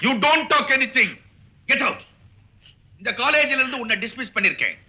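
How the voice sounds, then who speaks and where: A man's voice: very high voice, expressive, unhurried, lo-fi sound, soft background music. An actor playing a hot-tempered male college principal who gives curt, scolding orders. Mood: angry.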